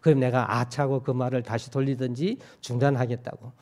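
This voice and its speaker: A man's voice: medium pitch, fairly even intonation, fairly quick, a little mellow. A man from Korea's Gyeongsang region preaching a sermon in a church, folksy and joking, often asking his congregation questions. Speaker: pastor. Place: church sanctuary.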